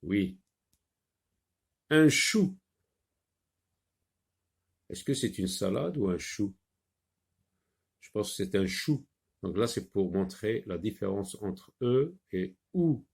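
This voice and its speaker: A man teaching young children from a reading workbook, slowly sounding out words and repeating each sentence with patience. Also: on the low side, animated, gravelly, a little mellow, husky.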